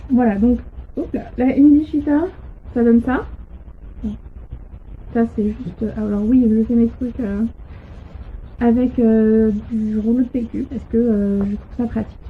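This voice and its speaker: A woman's voice: steady tone, unhurried, pauses often, a little hiss or hum. Hesitant woman, tinny audio. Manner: hesitant, full of "euh" and restarts. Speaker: knitting and crochet podcaster. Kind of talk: casual show-and-tell chat. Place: home, on a sofa. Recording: tinny low-quality home audio.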